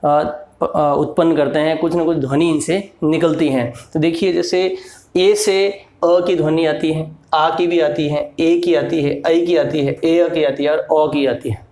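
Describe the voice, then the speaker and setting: A man's voice: fairly high pitch, steady tone, a little slow, a little mellow, roomy sound. A man teaching English to beginners, explaining each letter's sounds and patiently repeating words and examples. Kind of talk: slow explanatory lesson.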